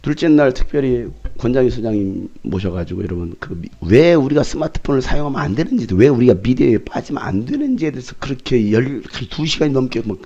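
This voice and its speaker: A man's voice: mid-range voice, fairly quick, hardly any pauses, slightly rough, dull audio. A male pastor preaching a sermon, telling stories animatedly and acting out the scenes he retells. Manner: animated storytelling, shouting in retold scenes. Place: church sanctuary.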